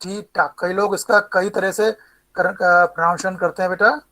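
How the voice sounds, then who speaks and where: A male math teacher running a class, mixing Hindi and English, calling on students by name and slowly repeating each formula for them to memorize. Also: high-pitched, steady tone, bright, forceful tone, rough recording.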